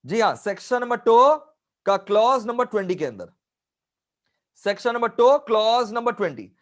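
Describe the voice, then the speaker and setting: A man's voice: sits high, expressive, moderate pace. A man teaching a live online revision class, emphatic, repeating key points and adding scolding asides to his students.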